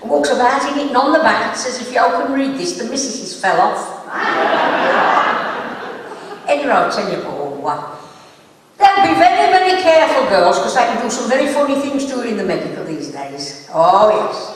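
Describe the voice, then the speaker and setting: A woman spins chatty, gossipy comic stories in a high, bouncy voice that leaps up and down. She is heard from a distance in a big echoing hall, with a faint hum of the room behind her. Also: very animated, moderate pace. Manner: chatty, gossipy, laughs at her own jokes. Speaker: stand-up comic. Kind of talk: comic storytelling on stage. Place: live stage show in a hall. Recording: echoey hall from far off.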